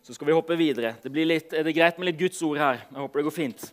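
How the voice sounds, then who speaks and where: In this sermon, a fairly high-voiced man first reads a scripture passage aloud. Afterward he speaks informally and a bit hesitantly, letting the ends of his phrases fade away softly.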